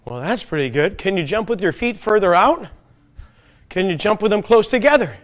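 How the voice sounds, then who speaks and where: A man's voice: high voice, expressive, normal speed, fairly bright tone. A man leading a children's P.E. class, encouraging the kids and asking them playful questions while he demonstrates each move. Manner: demonstrates while moving, narrating his own steps. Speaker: fitness trainer leading a kids' P.E. class. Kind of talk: guided children's exercise class.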